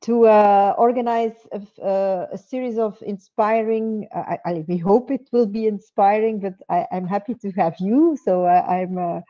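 A middle-aged woman hosting an interview on a video call, speaking hesitantly with many pauses and restarts. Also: medium pitch, dark tone. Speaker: interview host. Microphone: earbud headset on a video call. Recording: dull lo-fi video call audio.

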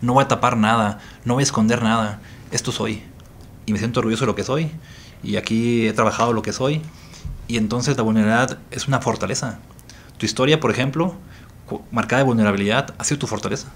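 Earnest gravelly-voiced Mexican priest. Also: male voice, mid-range voice, fast, a little hiss or hum. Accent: Mexican Spanish. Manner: earnest, repeating phrases for emphasis. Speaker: priest guest. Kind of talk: reflective interview talk.

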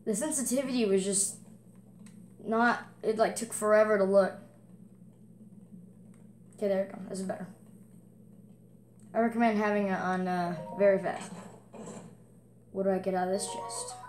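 A woman's voice: mid-range voice, steady tone, unhurried, long pauses, a little mellow, a little hiss or hum. Woman game streamer, chatty let's-play commentary, echoey room. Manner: chatty, reacting aloud and reading on-screen text.

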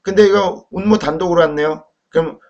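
A man teaching a language lesson in a friendly classroom manner, asking viewers quick questions and modeling sounds out loud. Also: sits high. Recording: dull lo-fi recording.

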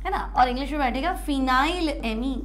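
A woman from India teaches chemistry at the board with a high voice. She takes each step slowly, repeating the key terms and asking her class questions that she then answers herself. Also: fairly bright tone, a little hiss or hum.

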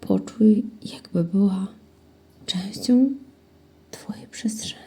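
A woman guiding a breathing meditation in slow, soothing whispered instructions. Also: medium pitch, warm tone, breathy edge. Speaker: meditation guide.

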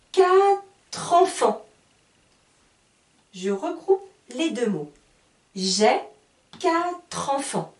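This woman teaches French to beginners, spelling out each word one letter at a time and going over her examples with care. She has a mid-range, dark-toned voice, and the room is audible because she's somewhat distant from the microphone.

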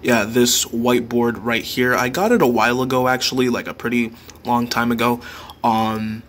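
A man's voice: mid-range voice, steady tone, moderate pace, fairly bright tone, a little hiss or hum. A teenage young man chatting casually in a vlog, joking and correcting himself as he rambles along. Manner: jokey, rambling, self-correcting. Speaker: vlogger.

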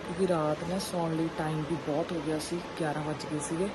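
A woman's voice: deep voice, little pitch movement, a little fast. A woman in her thirties with a Punjabi accent, chatting casually to viewers and family as she narrates her home vlog. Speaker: family vlogger, mother. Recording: clear background noise, household and outdoor ambience.

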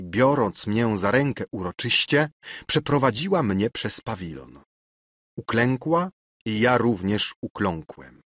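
A man reading an audiobook voices a passionate young male officer, loud, pleading and furious, in a slightly raised voice. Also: fairly low pitch, slightly rough, no echo, clean studio sound, heavily acted.

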